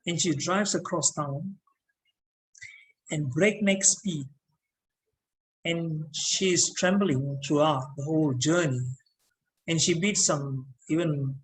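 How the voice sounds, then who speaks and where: Guy coaching an audience, animated, repeats himself a lot, slightly high voice. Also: poor audio. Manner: animated, repeats words and restarts. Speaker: public speaking coach. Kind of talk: motivational talk to an audience.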